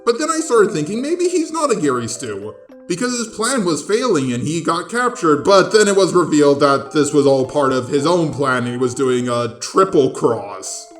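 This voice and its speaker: A male video essay host with a fairly high, sing-song voice speaks at moderate speed. His scripted commentary comes across as emphatic, sarcastic and full of disbelief, recorded with roomy echo over background music.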